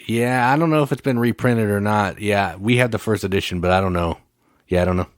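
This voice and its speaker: Deep voiced guy cohost, bouncy intonation, dry close mic. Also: a little fast, no room sound. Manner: brief, agreeable replies. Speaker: podcast co-host. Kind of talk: casual chat.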